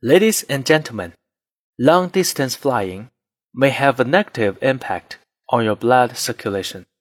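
A man reading scripted cabin announcements as a flight attendant, in a formal, measured, phrase-by-phrase manner. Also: mid-range voice, expressive, dry recording.

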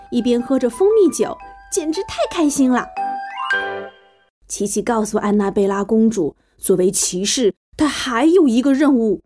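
A woman narrating a children's bedtime story with an animated, playful, expressive delivery. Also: on the high side.

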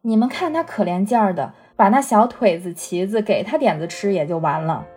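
A woman reading the lines of an indulgent, jovial elderly matriarch in a husky, breathy voice. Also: medium pitch, lively intonation, a little fast, a little mellow, soft background music.

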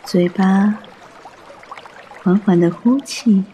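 A man guiding a meditation in a soft, soothing, unhurried way, as a meditation guide. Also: high-pitched, a little hiss or hum.

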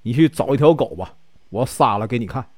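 A man's voice: mid-range voice, lively intonation, a little fast, dry recording, studio quality, voice pushed down, natural voice. A man voicing a proud, down-on-his-luck warrior who speaks firmly. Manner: firm, proud.

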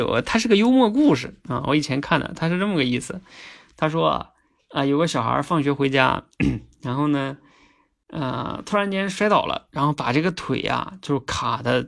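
A man hosting a casual livestream, chatty and earnest, often checking in with listeners through quick tag questions. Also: on the high side, gravelly, a bit bright. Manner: earnest, sometimes emphatic. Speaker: livestream host.

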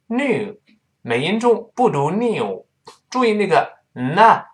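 A man teaching English pronunciation, demonstrating each sound by repeating it slowly. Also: medium pitch, a bit bright.

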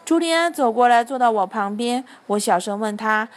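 A young adult woman reading a children's story aloud, narrating gently and lightly voicing each character. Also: on the high side, expressive, moderate pace.

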